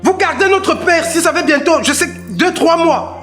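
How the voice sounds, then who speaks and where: Guy doing a pushy cameroonian son, lively up-and-down voice, keeps pressing for answers. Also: very high voice, moderate pace, soft background music. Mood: dismissive. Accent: Cameroonian French. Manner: insistent, confrontational. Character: impatient young adult son, demanding answers. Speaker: son of the patient.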